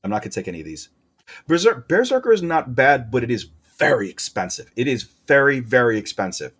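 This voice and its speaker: Husky-voiced man explaining game strategy. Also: medium pitch, big pitch swings, fairly quick, a bit bright. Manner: explains strategy with fillers and self-corrections. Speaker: gameplay commentator. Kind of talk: let's play commentary.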